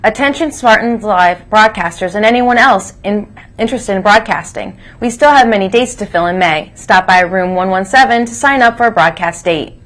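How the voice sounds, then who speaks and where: A woman's voice: mid-range voice, moderate pace, a bit bright. A woman reading scripted news and announcements as co-host of a school morning broadcast. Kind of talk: scripted announcements, read aloud.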